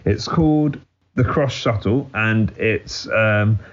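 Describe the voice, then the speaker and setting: A man's voice: lowish voice, slow pace, muffled recording. A man, a comedian guest on a podcast, telling a story in casual chat, often stopping to correct himself. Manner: rambling, self-correcting storyteller.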